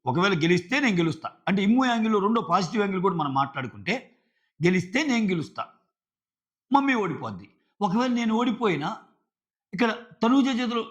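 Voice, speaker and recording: The reality show reviewer talks fast in a voice that sits high, keeping his commentary casual, animated and argumentative. He acts out contestants' lines, and the recording sounds dull and lo-fi.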